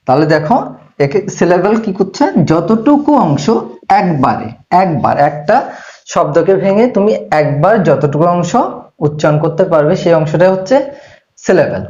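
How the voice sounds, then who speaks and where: A man's voice: fairly high pitch, lively intonation, moderate pace, darkish tone. A man teaching an English grammar lesson to beginners, patiently repeating key points and speaking directly to the student. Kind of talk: classroom-style lesson explanation. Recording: echoey room, dull lo-fi sound.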